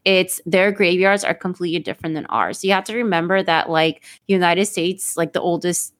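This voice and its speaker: A woman's voice: fairly low pitch, fairly quick, no room sound. A woman co-hosting a podcast, rambling in casual chat and swearing freely. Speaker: podcast co-host.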